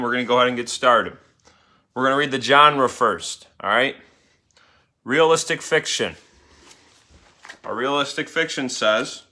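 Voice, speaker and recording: A young male teacher reads a storybook aloud to his class. His voice is bright and forceful, sitting at a middle pitch, and he keeps calling on students by name to keep up.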